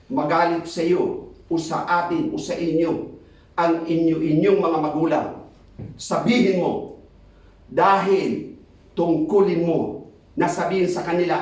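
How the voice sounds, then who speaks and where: A man preaching a sermon, switching between Tagalog and English and reading scripture aloud, emphatic and swinging between quick urging and slow drawn-out phrases. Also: high voice. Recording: very echoey hall, mic far off.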